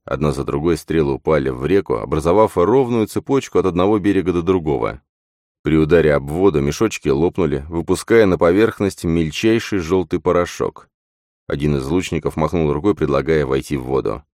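Very deep-voiced male narrator. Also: a little fast, a little mellow, dry recording, clean studio sound. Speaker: audiobook narrator. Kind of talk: scripted narration.

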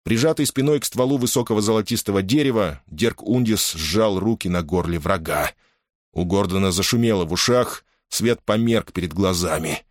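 Very deep-voiced male audiobook narrator. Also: dry recording, studio quality. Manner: steady, measured storytelling. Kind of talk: scripted narration of a science fiction novel.

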